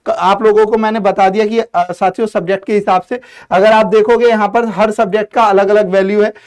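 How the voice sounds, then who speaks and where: A man's voice: sits high, little pitch movement, smooth. A man giving an informal exam-prep lesson as a coaching teacher, speaking straight to his students with frequent fillers and restarts. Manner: addresses students as "saathiyon", talks fast with restarts and fillers.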